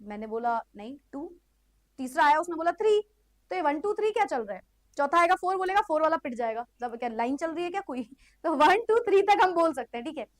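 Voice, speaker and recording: A woman gives a chatty chemistry lecture to her class, checking in often, repeating herself and adding playful asides. Her voice sits high, with lively intonation, and she speaks a little fast.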